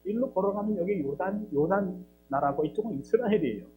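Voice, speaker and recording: A man's voice: sits high, animated, brisk, dark tone, faint music behind, poor audio. A man preaching a sermon as pastor, acting out dialogue and asking rhetorical questions. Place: church.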